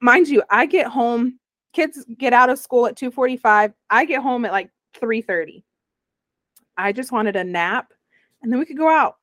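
With a voice on the high side and a moderate pace, a young woman guest tells her own story in a relaxed interview. She's lively and performs the quoted voices herself. The recording is dry.

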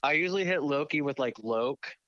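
A man casually co-hosting a podcast, an animated storyteller who swears and laughs often. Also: fairly high pitch, fairly quick, highs cut off. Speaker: podcast co-host. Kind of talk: casual chat.

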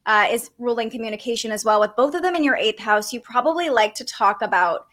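A woman with a slightly high voice walks a guest through her birth chart. She talks gently and explains as she goes, with soft fillers and light laughs. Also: animated, fast. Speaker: podcast host reading an astrology chart. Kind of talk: conversational astrology reading.

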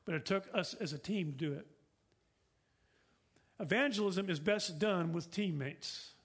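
A man with a notably high voice delivers a sermon from the pulpit. He speaks earnestly, circling back to his points and posing questions to the room. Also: measured pace, slightly rough. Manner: earnest, repetitive preaching with rhetorical questions. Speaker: pastor.

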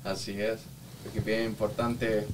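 A man's voice: on the low side, level tone, moderate pace, far from the mic, noisy background. A man on a religious talk show, answering with frequent amens and speaking devoutly about faith.

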